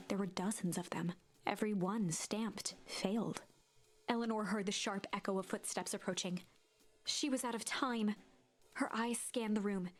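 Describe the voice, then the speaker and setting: A woman giving scripted storybook narration for a video game, in a hushed, suspenseful telling. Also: medium pitch, natural voice.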